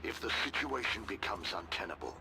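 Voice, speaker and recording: An actor playing a curt, menacing overseer in a video game cutscene who talks in a clipped way. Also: male voice, fairly low pitch, sing-song, fairly quick, heavy background noise.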